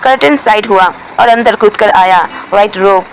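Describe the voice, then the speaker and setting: A woman's voice: moderate pace, slight background noise, rough recording. Woman narrating a romance story. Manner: reads every character herself, shifting pitch for dialogue. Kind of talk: scripted story narration with character voices.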